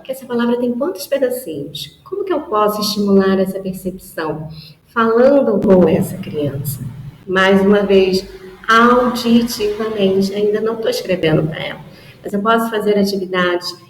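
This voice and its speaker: A Brazilian woman leading a teacher training session, with a mid-range voice. She talks didactically, poses rhetorical questions and draws example words out slowly syllable by syllable. The sound is roomy and echoey. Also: mid-range voice. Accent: Brazilian Portuguese. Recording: roomy echo.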